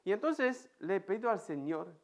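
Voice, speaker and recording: A high-pitched man with an accent from Spain preaches in an empty church. He leans into his story with a voice that leaps up and down. He is a vivid, animated storyteller. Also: moderate pace, gravelly. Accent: Spain Spanish. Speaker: pastor. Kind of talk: sermon with personal storytelling.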